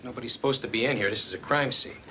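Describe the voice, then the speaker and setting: A man's voice: mid-range voice, rapid-fire, pushed and bright, slight background noise, close to an everyday voice. An actor playing a hotel security chief, an officious man who talks with sarcasm. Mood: sarcastic.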